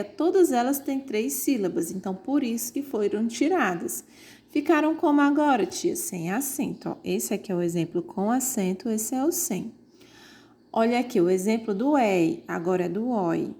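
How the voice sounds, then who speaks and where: A woman teaching an online grammar lesson, explaining slowly and pointing out examples on screen. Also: fairly high pitch, a little mellow.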